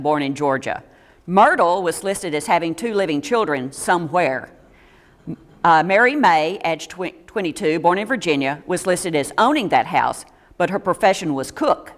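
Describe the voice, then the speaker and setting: In a meeting room, a woman with a lowish voice gives a local history talk to an audience, reading steadily from notes with small stumbles and dry asides. The room leaves a long reverb tail.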